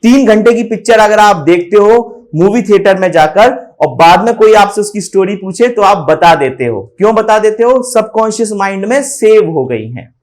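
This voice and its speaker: A man's voice: high voice, expressive, normal speed, hardly any pauses, darkish tone. A man teaching spoken English in Hindi, repeating words and checking in with the listener often. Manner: repetitive, drilling pronunciation examples; checks in with "theek hai na?".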